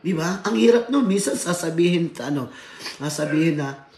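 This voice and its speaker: A man's voice: on the high side, expressive, normal speed, darkish tone. A man from the Philippines giving a workplace safety seminar lecture, switching between Tagalog and English and often adding tag questions like "right?". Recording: echoey room, faint background noise.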